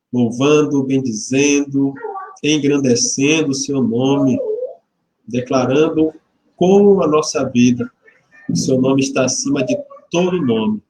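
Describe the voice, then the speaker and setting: A man around forty from Salvador, Bahia, Brazil speaks in a medium-pitched, darkish voice, with a little hiss or hum on the recording. As pastor of a livestreamed service, he chats informally, greets viewers by name, jokes lightly and leads a prayer. Captured in a church hall by a webcam mic, the sound is roomy.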